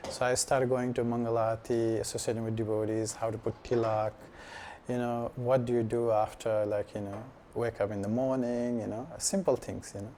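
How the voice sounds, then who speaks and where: A man from Nepal, giving a casual personal testimony at a devotional gathering in a relaxed, halting way full of 'you know' fillers. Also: medium pitch, a little hiss or hum. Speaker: devotee sharing his practice at a gathering.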